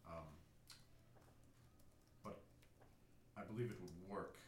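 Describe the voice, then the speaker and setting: A man playing in a tabletop game, speaking in character with formal, measured wording. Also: sits low. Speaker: player. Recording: roomy distant mic, faint hiss.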